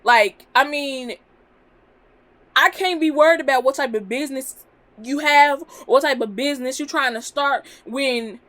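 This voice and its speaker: A woman's voice: high-pitched, unhurried, fairly bright tone. A woman in her twenties giving a blunt, sassy casual review of a reality show, full of slang. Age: 20s.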